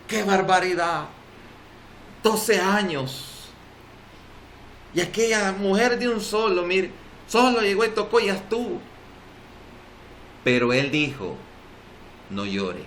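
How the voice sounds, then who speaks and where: A man's voice: high voice, animated, slow, pauses often, a bit bright, a little hiss or hum. A man with a Salvadoran accent preaching a sermon as pastor at a church service, emphatic and drawing responses from the congregation. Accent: Salvadoran Spanish.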